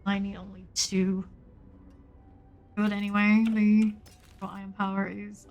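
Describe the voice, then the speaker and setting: Slow-paced woman thinking aloud while gaming. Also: medium pitch, level tone, muffled recording. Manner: muttering clipped fragments, thinking aloud. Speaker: game streamer. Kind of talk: casual live gameplay commentary.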